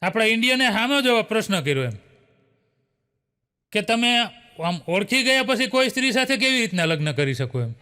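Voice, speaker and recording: A man rattles off short jokes in a high, bright voice. He chuckles often as he goes and tags his lines with a filler. His voice rings with a long hall reverb. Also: sing-song, brisk, clean tone. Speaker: joke teller. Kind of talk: telling a string of short jokes.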